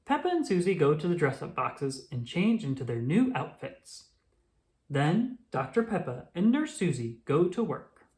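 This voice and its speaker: A narrator reading a children's storybook aloud in a deliberate way for young listeners. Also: mid-range voice, sing-song, a little mellow. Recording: roomy echo.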